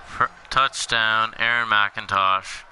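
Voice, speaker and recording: A young man calling the plays in casual video game commentary, in a flat, monotone and dryly joking way. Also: on the low side, takes it slowly, a little hiss or hum, poor audio. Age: young adult. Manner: monotone, dry jokey delivery. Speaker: play-by-play commentator.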